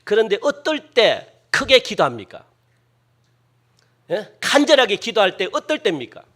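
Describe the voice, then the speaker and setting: A male pastor preaching a sermon, questioning his congregation and acting out loud, pleading prayers with strong emphasis. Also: high voice, big pitch swings, normal speed.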